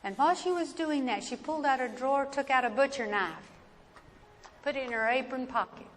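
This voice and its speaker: A woman with an Appalachian accent telling a family story aloud in a folksy, dramatic, deliberate way. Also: sits high, animated. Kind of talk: oral family storytelling, live performance. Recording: echoey hall with noticeable background noise.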